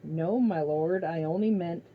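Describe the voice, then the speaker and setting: A woman's voice: on the low side, unhurried, slight background noise, natural voice. A woman voicing a cautious male Titan advisor, deferential and warning, in a dull lo-fi recording.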